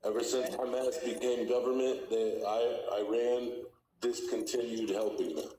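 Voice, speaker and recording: A man from the West Bank calling into a live stream, speaking in a measured, firm way. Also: mid-range voice, fairly even intonation, warm tone. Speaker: caller. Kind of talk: casual call-in debate. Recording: echoey room with faint noise.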